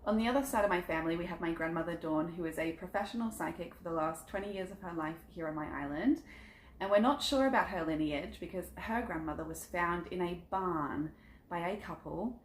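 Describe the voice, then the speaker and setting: A psychic content creator of about thirty introduces herself in a chatty, earnest vlog, sharing stories about her family and spirituality with frequent ums. Her voice is lowish, with a bit of hiss or hum, and the recording has a roomy echo over faint ambient sound.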